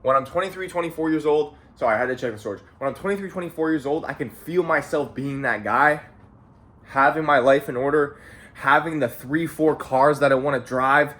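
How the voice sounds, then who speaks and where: Speaking a little high and a little fast, with a fairly bright tone, a young Canadian man in his late teens vlogs to camera at home. This young adult's talk is a casual, profane, motivational ramble, and he repeats phrases and says "bro" often.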